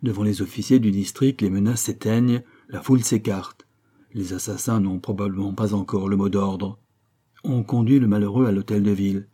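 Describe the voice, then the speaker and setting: Man, audiobook narrator, dark mellow tone, low voice, dramatic measured reading. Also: steady tone, breathy edge. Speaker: audiobook reader. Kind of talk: scripted narration of a classic novel.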